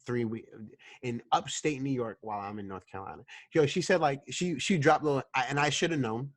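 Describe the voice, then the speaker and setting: A man's voice: mid-range voice, brisk. A man in his twenties, casually chatting as a podcast host, slangy and given to repeating words as he tells a story. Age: 20s. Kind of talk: casual chat.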